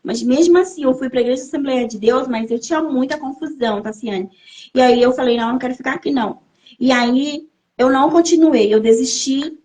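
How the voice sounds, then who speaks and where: High-voiced woman giving an emotional testimony. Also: darkish tone. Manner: emotional, storytelling, repeats phrases for emphasis. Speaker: podcast guest. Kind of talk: personal testimony in a podcast interview.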